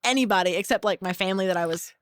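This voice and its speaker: A twenty-two-year-old woman from the Bahamas, a singer-songwriter talking thoughtfully in an interview, with many fillers and pauses. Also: medium pitch, smooth, no room sound, clean studio sound. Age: 20s. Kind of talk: casual interview chat. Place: recording studio.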